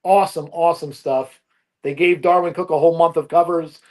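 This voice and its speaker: Picture a man with a notably high voice selling comic books on a live stream. He rattles off issues and prices in an upbeat, brisk salesman's patter. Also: fairly even intonation. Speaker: comic book seller on a live auction.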